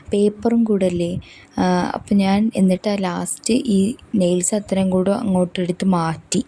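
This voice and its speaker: Husky-voiced Malayali woman vlogging. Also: medium pitch, warm tone. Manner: chatty, explains each step, frequent fillers. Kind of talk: casual unboxing vlog narration. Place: home room with window open, street traffic outside.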